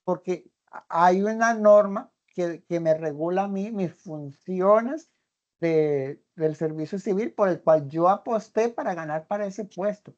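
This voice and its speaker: Woman student with a low, hesitant voice. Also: measured pace, a little mellow, lo-fi sound. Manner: hesitant restarts, thinking aloud. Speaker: student, regional adviser. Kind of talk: contributing in an online class.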